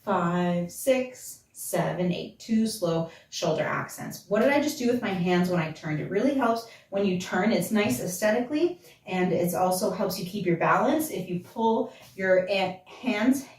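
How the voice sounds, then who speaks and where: Dance teacher counting steps in a roomy space. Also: female voice, medium pitch, expressive, normal speed, a little mellow. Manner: counting steps aloud while dancing. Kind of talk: dance tutorial instruction. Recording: roomy, from a distance, with music.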